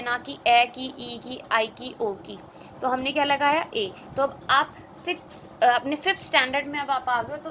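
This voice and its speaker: High-voiced woman teaching grammar to kids. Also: a bit bright, a little hiss or hum. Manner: asks questions and answers them herself. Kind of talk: grammar lesson for children.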